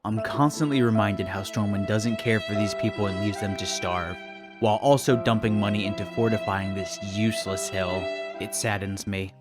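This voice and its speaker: A man narrating a game video in a scripted, dry and sarcastic way. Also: on the low side. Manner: dry, sarcastic, mock-suspicious. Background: faint background music.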